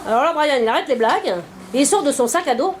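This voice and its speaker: High, animated French woman comedian on stage. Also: fast, a little hiss or hum. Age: middle-aged. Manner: animated, self-mocking storytelling. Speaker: stand-up comedian. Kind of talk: stand-up storytelling. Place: theater stage. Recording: live theater with loud audience laughter.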